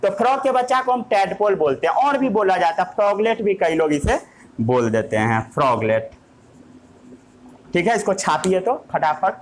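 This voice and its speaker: A man's voice: high voice, expressive, normal speed, a little hiss or hum. Playful man teaching a class. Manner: playful questioning of students. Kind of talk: classroom lesson.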